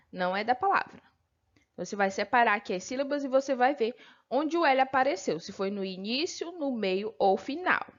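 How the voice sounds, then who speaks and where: A Brazilian woman teacher with a patient manner, slowly explaining a textbook lesson and checking in with her pupils. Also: on the high side, muffled recording. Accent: Brazilian Portuguese. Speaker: primary school teacher.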